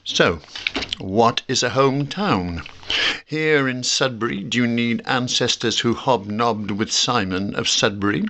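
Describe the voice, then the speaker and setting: A man from Newcastle upon Tyne reading his own reflective essay about home, measured and dryly precise. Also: lowish voice, a bit bright. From Newcastle upon Tyne, England. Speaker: guest contributor reading his own piece.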